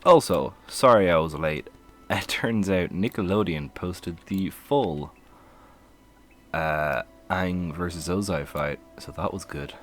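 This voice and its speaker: A man's voice: deep voice, slow pace, faint music behind. A man giving casual, playful commentary while streaming a game, laughing and humming to himself as he plays.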